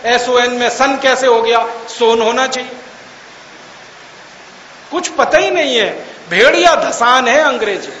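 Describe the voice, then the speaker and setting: A man with a very high, sharp and forceful voice lectures an audience in a mocking, argumentative tone. He fires rhetorical questions and spells words out letter by letter to make his point. The sound rings with the long echo of a large hall, over a faint hiss. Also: measured pace, pauses often, highs cut off. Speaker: public speaker.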